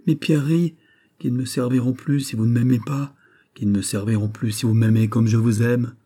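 A male reader lifts his voice into a proud noblewoman who presses her case with passion and insistence. The tone stays dark and mellow under a husky edge, as in a storybook reading. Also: medium pitch, steady tone, fairly quick, natural voice. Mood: passionate. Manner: impassioned, pleading and insistent. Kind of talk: audiobook reading of a classic novel.

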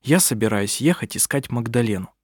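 A man's voice: mid-range voice, lively intonation, brisk, husky, no room sound, studio quality. A man reading aloud, voicing an earnest young man who is an eager would-be sorcerer and a fond son. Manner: earnest, affectionate.

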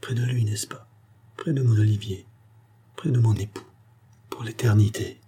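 A man reading the part of a proud, doomed young noblewoman who speaks in a gentle yet firm, grave way. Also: mid-range voice, moderate pace, husky, pitched above the performer's own voice, natural voice. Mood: whispering.

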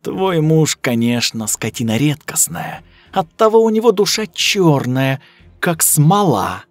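A man's voice: on the high side, very animated, unhurried, no echo, pitched above the performer's own voice. A man voicing a cruel, bored ancient female duchess monster with a drawling, sneering manner. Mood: gloating.

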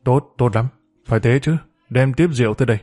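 A rowdy gang boss, drunk and commanding as a man puts him on while reading a storybook, barks coarse orders. His voice is dark and mellow, with faint music behind it. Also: mid-range voice, quick pace, close to an everyday voice. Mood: boisterous. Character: boisterous older male gang boss, hard-drinking.

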